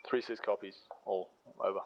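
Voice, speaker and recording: Low-voiced man over a walkie-talkie. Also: steady tone, normal speed, background noise. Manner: formal radio procedure with hesitant fillers. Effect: heard over a walkie-talkie radio. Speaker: platoon leader on a radio net. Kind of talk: clipped military radio talk in a squad game. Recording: dull, lo-fi radio channel.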